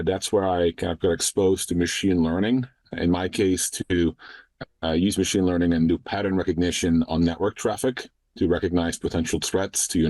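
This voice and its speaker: A man in his thirties from the Netherlands with a very low voice, talking as a founder in a podcast interview. He speaks in a measured way and pads his sentences with "uh" and "um". The sound is dry and close to the mic. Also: mellow, no echo. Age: 30s. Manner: measured, frequent "uh" and "um" fillers. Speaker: startup founder guest.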